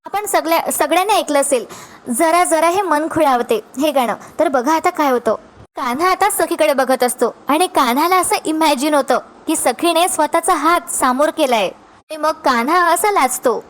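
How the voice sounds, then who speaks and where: A woman with a high voice recapping a TV serial episode. She tells it like a lively storyteller and keeps turning to her friends to say what happens next. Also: moderate pace.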